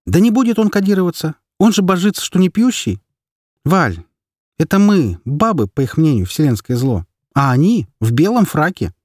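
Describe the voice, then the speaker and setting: A man's voice: mid-range voice, sing-song, moderate pace, breathy edge, no room sound, studio quality, pitched above the performer's own voice. A man voicing an exasperated mother in her thirties who scolds her son and complains about her husband, in an audiobook. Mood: complaining. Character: harried Soviet-era mother, woman in her thirties.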